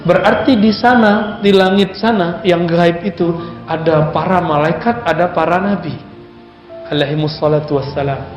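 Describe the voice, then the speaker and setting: A man preaching a sermon in a lively, conversational way, often putting questions to his audience. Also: sits high, roomy sound, highs cut off. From Indonesia.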